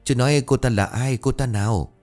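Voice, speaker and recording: A man's voice: mid-range voice, brisk, a little mellow, faint music behind, pitched above the performer's own voice, lightly acted. A man voicing a nosy, teasing middle-aged village woman, raising his voice a little for her in a ghost story. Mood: teasing, puzzled. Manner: teasing, prying.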